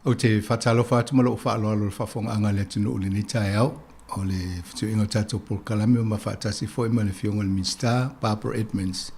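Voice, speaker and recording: A man's voice: lowish voice, steady tone, fast talker, vocal fry, a little mellow, a little hiss or hum. A man with a Samoan accent hosting a casual radio interview. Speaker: radio host.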